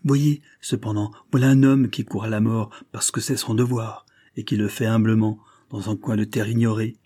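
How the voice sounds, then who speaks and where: A man's voice: lowish voice, little pitch movement, moderate pace, dark tone, no echo, close to an everyday voice. A man voicing a proud young noblewoman who speaks in a bitter, reproachful, impassioned way. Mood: scornful reproach.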